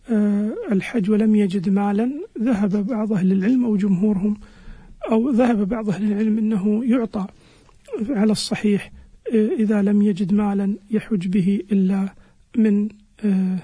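A man explaining religious rulings as a scholar on a radio program, in a measured, halting way with pauses. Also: high-pitched, steady tone, mellow, breathy edge, no room sound. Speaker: Islamic scholar answering listeners' questions.

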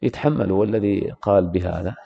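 Gravelly low-voiced man lecturing in a hall. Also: brisk, mellow. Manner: poses rhetorical questions to students. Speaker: teacher of Islamic law. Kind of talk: classroom lecture on jurisprudence. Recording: reverberant hall, dull lo-fi sound.

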